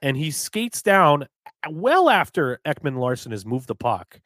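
A man from New Hampshire co-hosting a casual sports podcast, animated and quick to get heated, swearing freely. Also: fairly high pitch, no echo. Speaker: podcast co-host.

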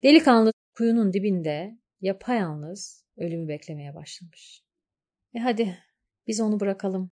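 A woman narrating a fairy tale, shifting between hushed lines and dramatic rises. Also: medium pitch. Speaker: storyteller.

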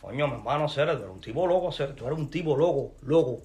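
A man's voice: mid-range voice, lively intonation, quick pace, a little mellow, soft background music. A Cuban man, a musician, rants straight to the camera in a combative, mocking tone. His voice sits in the middle of the usual male range. His talk is laced with crude street slang. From Cuba. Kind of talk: direct-to-camera rant.

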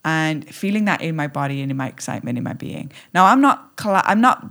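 A woman's voice: deep voice, animated, fast, a bit bright. A woman podcast guest talking animatedly, playful and exuberant, acting out little scenes as she goes. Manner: playful, exuberant, acts out scenes with squeals and laughs. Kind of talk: animated conversational talk.

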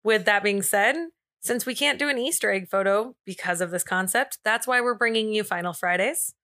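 A woman's voice: mid-range voice, moderate pace, sharp tone. A woman co-hosting a podcast, chatting casually and telling stories in an informal, playful way with slang. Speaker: podcast co-host. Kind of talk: casual podcast chat and storytelling.

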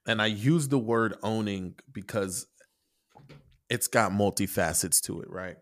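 Man, lowish voice, rambling podcast talk, restarts a lot, swears casually. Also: measured pace, a bit bright. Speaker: podcast co-host and article writer.

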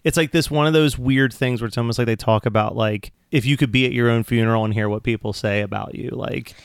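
Man co-host, casual chat, smooth clear mid-pitched voice, wry and rambling, dry close sound. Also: steady tone, fast, no echo. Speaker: podcast co-host.

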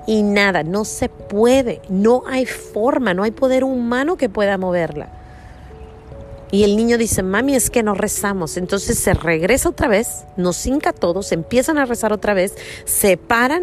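A middle-aged woman telling a personal religious testimony in an earnest, repetitive way, often tagging her sentences with little questions. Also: mid-range voice. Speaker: mother telling a faith testimony. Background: faint music.

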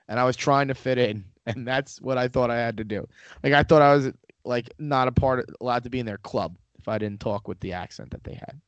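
A man's voice: mid-range voice, no echo. A man co-hosting a podcast in casual chat, rambling and joking as he tells stories. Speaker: podcast co-host.

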